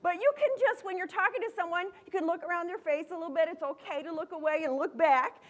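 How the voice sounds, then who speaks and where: A middle-aged American woman with a lively, playful manner, giving a motivational keynote talk to students. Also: very high voice, quick pace. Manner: lively, playful, acts out quoted voices. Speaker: motivational speaker. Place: large events hall.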